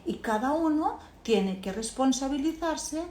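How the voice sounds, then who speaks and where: A woman gives a reflective motivational talk. Her voice sits a little high, and she talks earnestly, driving points home by repeating phrases. The recording has a noticeable room echo. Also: lively intonation, measured pace, darkish tone, a little hiss or hum. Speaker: personal growth speaker. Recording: echoey room.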